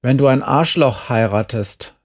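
A man reading an audiobook and voicing a blunt, bitter teenage girl who talks in a flat, cutting way. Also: mid-range voice, a little slow, close to an everyday voice.

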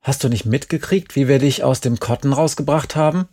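A man's voice: mid-range voice, brisk, slightly rough, lightly acted. A man reading the lines of a tough, brash teenage girl who talks bluntly and bossily. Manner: blunt, loud, bossy.

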